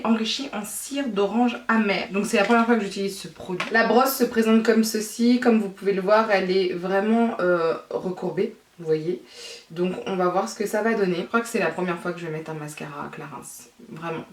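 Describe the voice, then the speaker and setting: A woman vlogger talking through a makeup tutorial, chatty and thinking aloud with fillers and asides. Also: medium pitch. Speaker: beauty vlogger. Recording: echoey room, mic at a distance.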